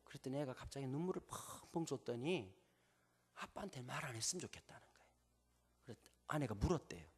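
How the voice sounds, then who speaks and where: Animated Gyeongsang-accented pastor preaching. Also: male voice, mid-range voice, breathy edge. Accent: Gyeongsang Korean. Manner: storytelling, asks the congregation rhetorical questions; normally talks very fast, slowing down on purpose. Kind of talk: sermon. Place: church sanctuary before a congregation. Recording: long church hall reverb.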